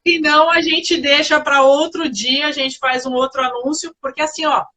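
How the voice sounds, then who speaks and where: A woman with a Brazilian accent hosting a live stream on a video call, briskly rallying the viewers. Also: high voice, fairly even intonation, bright, forceful tone. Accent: Brazilian Portuguese. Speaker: host.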